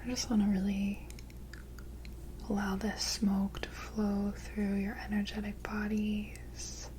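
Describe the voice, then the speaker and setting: An airy, breathy woman whispers slowly over faint ambient noise. It is a whispered role-play of a mystical energy healer, gentle and soothing. Her delivery stays very even and unhurried. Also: mid-range voice, poor audio. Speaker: ASMR reiki energy healer.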